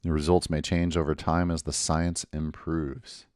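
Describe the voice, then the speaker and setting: A man's voice: rumbling low, level tone, a little slow, darkish tone, no room sound, clean studio sound. A man hosting his own genealogy video, casually and methodically walking through family lines and percentages. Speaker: genealogy channel host. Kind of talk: casual explanatory vlog.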